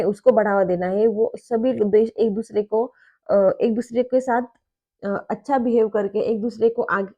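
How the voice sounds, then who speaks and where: A woman teacher with a mellow, dark tone walks students through exam material in a conversational manner. She keeps checking that they follow and reads passages. The recording sounds somewhat dull and lo-fi. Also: mid-range voice. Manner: conversational, asks checking questions. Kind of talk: explaining a lesson in Hindi.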